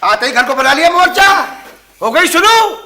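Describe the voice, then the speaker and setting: A very high, sharp-toned voice of an easygoing family man in an old TV sitcom. He speaks lightly, trying to smooth things over. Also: big pitch swings, normal speed, exaggerated voice. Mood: placating. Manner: breezy, placating. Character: easygoing husband and father.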